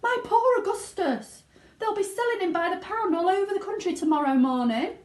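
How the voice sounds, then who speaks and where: A woman's voice: very high-pitched, moderate pace, a little mellow, pitched above the performer's own voice. A woman reading a children's storybook, voicing a hysterical, bossy mother in a shrieking, indignant manner. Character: shrill, hysterical, bossy mother of a greedy boy. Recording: roomy indoor echo.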